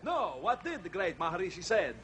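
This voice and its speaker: A man's voice: sits high, sing-song, brisk, a bit bright. A man playing a pompous, exasperated vampire count in a children's TV comedy, bossy and melodramatic. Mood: impatient. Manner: melodramatic, bossy, swinging from whine to command. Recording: faintly noisy vintage TV soundtrack.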